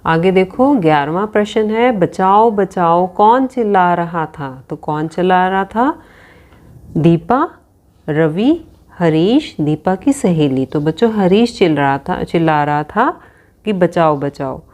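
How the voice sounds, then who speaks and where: A woman's voice: lowish voice, lively intonation, slow, darkish tone. A woman teacher working through a worksheet with children, reading out options and spelling words letter by letter.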